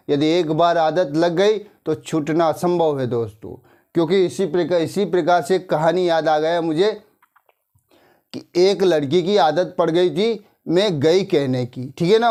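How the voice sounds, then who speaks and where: With a voice on the high side and a little mellow, a male English teacher from India chats casually through a grammar lesson. He tells a moral story and repeatedly checks in with listeners, leaning on tag questions and slowing down whenever he dictates.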